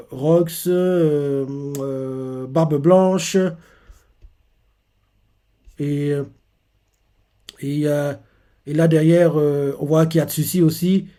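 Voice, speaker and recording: A man's voice: on the high side, mellow. A man hosting a manga reaction, casually recapping a chapter in a hesitant way with many fillers and self-corrections.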